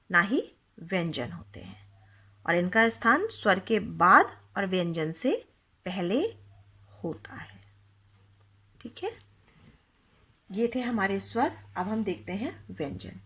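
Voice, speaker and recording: A woman's voice: mid-range voice, sing-song, slow, pauses often, bright, forceful tone, husky. A woman teaching a Hindi grammar lesson to young children, explaining patiently, asking the class questions and mixing English words into her Hindi.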